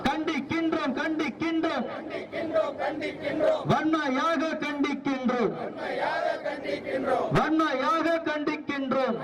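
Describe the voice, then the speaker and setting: A man's voice: very high-pitched, steady tone, slow, pauses often. A man with a Tamil Nadu accent chants emphatic, repeated protest slogans through a megaphone as the leader of a demonstration. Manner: emphatic repeated short phrases. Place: outdoors at a street protest. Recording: distant, very noisy outdoor crowd recording.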